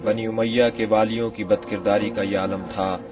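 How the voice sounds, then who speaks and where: A man's voice: lowish voice, distant mic, highs cut off, over music. A man narrating a historical drama in a formal, scripted way. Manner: even, formal.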